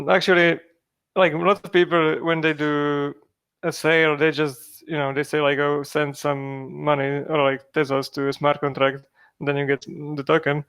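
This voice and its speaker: Founder, male, higher voice, monotone and rambling, close dry mic. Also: smooth, no echo. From Czechia. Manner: rambling, many fillers and restarts. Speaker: project founder. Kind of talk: casual interview answers.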